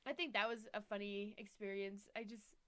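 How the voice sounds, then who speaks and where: A woman's voice: mid-range voice, fairly even intonation, moderate pace, pushed and bright. A young woman co-hosting a podcast, telling a dating story in casual chat with frequent laughs. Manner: giggly, rambling storyteller. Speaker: podcast co-host.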